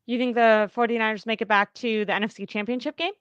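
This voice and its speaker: A woman's voice: fairly high pitch, steady tone, fast, clean tone, no echo, dull audio. A woman co-hosting a casual sports chat, chatty and upbeat, often poking fun at herself. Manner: chatty, upbeat, self-deprecating. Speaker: co-host.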